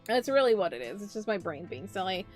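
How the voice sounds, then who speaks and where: Soft music plays behind this fast-talking woman, whose medium-pitched voice swings widely in pitch. She's a VTuber on a live stream, tired but chatty, talking to chat and making self-mocking jokes.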